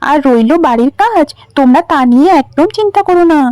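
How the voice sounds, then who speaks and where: A woman voicing a kind, helpful neighbour woman who reassures briskly in a doll story. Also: high voice, lively intonation, a little mellow, no echo. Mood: caring.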